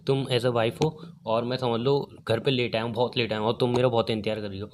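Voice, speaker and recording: On a recorded phone call, a young man casually chats with his partner, teasing and questioning them. He talks briskly at a medium pitch with little pitch movement.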